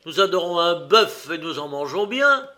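A man voicing a hot-tempered Egyptian merchant who speaks in a loud, indignant voice. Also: a little high, lively intonation, a little slow. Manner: indignant, raised voice.

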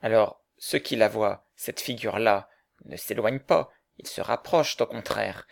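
A man's voice: lowish voice, moderate pace, creaky. A man voicing an anxious, jealous young man in love, in a dramatized audiobook reading. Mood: fretful. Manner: fretful, pleading.

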